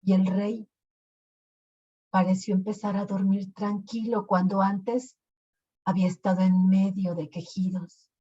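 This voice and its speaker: A woman telling a legend in an expressive storytelling voice. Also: medium pitch. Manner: slow, expressive. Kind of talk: storytelling narration. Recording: lo-fi recording.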